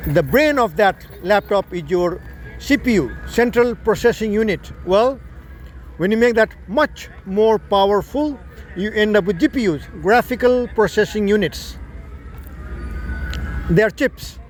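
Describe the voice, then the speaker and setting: A man with a notably high speaking voice explains his tech venture in a loose, casual monologue. He circles back and rephrases points to make them clear. Faint traffic and street sounds hum in the background. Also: expressive, measured pace. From Nepal. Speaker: founder explaining his startup.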